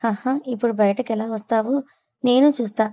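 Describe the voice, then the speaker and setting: A woman's voice: on the high side, fairly even intonation, moderate pace, mellow, natural voice. A woman voicing a feisty, mischievous young wife. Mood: scheming. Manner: sassy, scheming.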